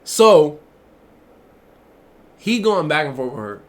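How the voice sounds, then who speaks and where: A man streamer telling a story casually, animated and profane, laughing often and swinging from low mutters to loud outbursts. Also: slow pace.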